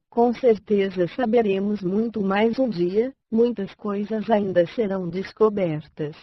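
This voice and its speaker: A synthesized text-to-speech woman's voice with a Brazilian accent, reading a scripted audiobook in an even, measured way. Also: mid-range voice, dry recording, dull audio.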